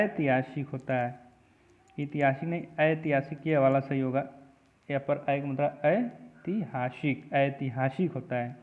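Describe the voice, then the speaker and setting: A man teaching a spelling lesson for exam preparation, repeating each word slowly and drilling the right form. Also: a little high. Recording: tinny phone-like audio.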